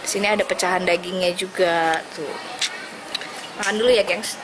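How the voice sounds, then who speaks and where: A woman's voice: lowish voice, fairly even intonation, moderate pace, background noise. A woman hosting a casual family vlog, prodding her guest with teasing questions. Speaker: vlog host, footballer's wife.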